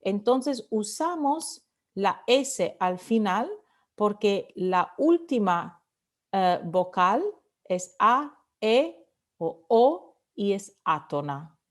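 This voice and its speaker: A woman teaching Spanish grammar in a lecture. She switches between Spanish and English and repeats words slowly to model their stress. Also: medium pitch, sing-song.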